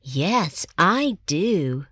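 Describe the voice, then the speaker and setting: A woman with an American accent reading short textbook answers for language learners, enunciating clearly. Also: fairly low pitch, very animated, drawn-out words, a bit bright, no echo, clean studio sound. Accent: General American. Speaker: textbook dialogue reader. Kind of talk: slow scripted textbook reading.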